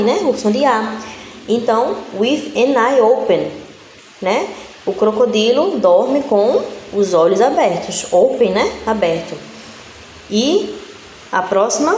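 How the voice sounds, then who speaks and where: A young woman from Brazil teaching an exam-prep English lesson, explaining step by step and ending phrase after phrase with a quick "né?". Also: fairly high pitch, darkish tone. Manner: explains step by step, tags nearly every phrase with "né?". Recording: echoey room with faint background noise.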